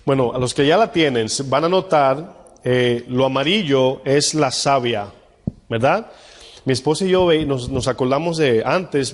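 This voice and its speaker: Man preaching in an echoing hall. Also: mid-range voice. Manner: conversational teaching, asks the congregation questions. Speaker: pastor. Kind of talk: sermon. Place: church hall with live congregation. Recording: long hall reverb.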